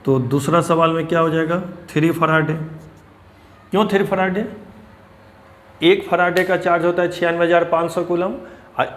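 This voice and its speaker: A man teaching chemistry, explaining step by step, addressing students as children and reading English terms slowly. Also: on the high side, fairly even intonation. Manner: reads English question lines slowly and deliberately. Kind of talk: blackboard lecture.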